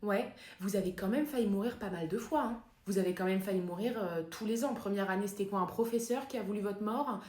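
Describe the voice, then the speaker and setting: A woman playing a calm, dry female psychotherapist in a comedy sketch, speaking softly and deadpan. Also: mid-range voice, echoey room, lightly acted. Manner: soft-spoken, measured, deadpan.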